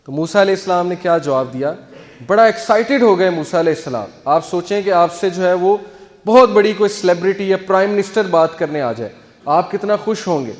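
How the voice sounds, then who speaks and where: A man's voice: sits high, lively intonation. A male teacher giving an earnest, conversational religious talk, explaining with everyday examples and mixing in English words. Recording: long hall reverb.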